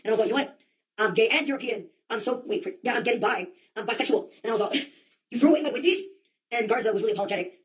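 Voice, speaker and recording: Racing along in a slightly high voice over a rough recording, a woman rambles through a comic monologue, sweary and slangy, performing it theatrically and quoting her own outbursts.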